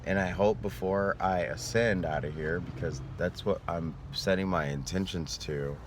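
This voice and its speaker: A man's voice: low voice, moderate pace. A man talking to his viewers in a rambling, earnest vlog, sleepy and yawning, sometimes trailing off. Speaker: vlogger. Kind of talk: reflective vlog monologue. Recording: noisy street recording.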